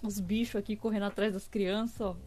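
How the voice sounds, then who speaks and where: A woman's voice: medium pitch, steady tone, a little fast, darkish tone, soft background music. A young woman with a Brazilian accent, chatting casually on a live stream and reading viewers' texts aloud, gushing over cute drawings. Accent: Brazilian Portuguese.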